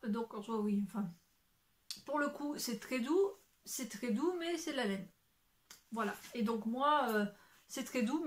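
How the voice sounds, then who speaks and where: A young woman chatting casually at home about her knitting, rambling with many fillers and self-corrections. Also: a little high. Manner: occasional swearing, then apologizing. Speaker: knitting podcaster. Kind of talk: casual chat showing knitting to camera. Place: at home in front of shelves.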